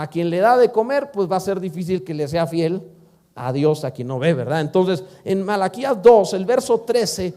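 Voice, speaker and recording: A male pastor preaching a sermon, swinging from emphatic rises to hushed, low-spoken drops.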